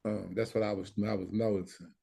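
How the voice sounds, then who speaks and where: A man's voice: on the low side, flat delivery, fairly quick, creaky, warm tone, husky. A man on a casual livestream asking short, easygoing questions.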